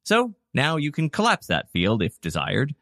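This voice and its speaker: A man's voice: medium pitch, wildly swooping pitch, normal speed, a bit bright, dry recording, clean studio sound. A man hosting a news podcast, delivering scripted reports and casual asides as a presenter.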